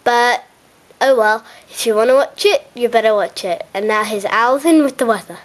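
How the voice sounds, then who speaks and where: A woman's voice: on the high side, normal speed. A young woman casually presenting a homemade toy puppet show. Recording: noisy amateur camera recording.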